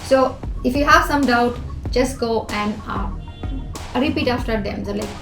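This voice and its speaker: A woman's voice: a little high, unhurried. Bangladeshi-accented woman, echoey advice vlog. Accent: Bangladeshi English. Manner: earnest, explains numbered tips with everyday examples. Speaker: youth organisation president and vlog host. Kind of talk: talking-to-camera advice vlog. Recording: echoey room with music behind.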